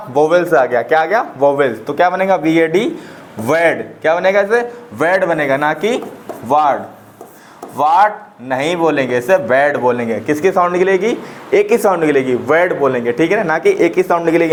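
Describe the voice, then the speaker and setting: A man's voice: a little high, a little hiss or hum. Man drilling pronunciation. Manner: asks rhetorical questions and repeats answers. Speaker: English teacher. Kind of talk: step-by-step pronunciation lesson.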